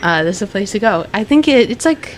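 A woman's voice: medium pitch, animated, a little fast, slight background noise. A young woman, the daughter of a restaurant owner, chatting casually as a guest with lots of "like" and "you know". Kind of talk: casual chat.

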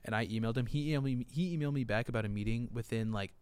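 Young man, casual podcast chat, rambling, dry close sound, mid-pitched. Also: very fast, darkish tone, clear, resonant tone, no room sound. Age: young adult. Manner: rambling, laughs easily. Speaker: podcast co-host.

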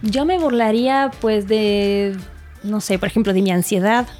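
A woman's voice: medium pitch, moderate pace, darkish tone, soft background music. A woman with a Mexican accent, a guest on a casual podcast, talking in a laid-back, rambling way with many tag questions.

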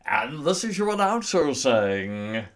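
A podcast host signing off in a mock old radio show announcer style, hammy and booming. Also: male voice, very animated, slow pace.

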